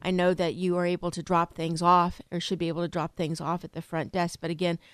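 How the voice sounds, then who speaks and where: A woman with a smooth, lowish voice gives interview answers as an attorney. She speaks haltingly and is recorded dry and close. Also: flat delivery, no room sound. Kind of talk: spontaneous radio interview answers.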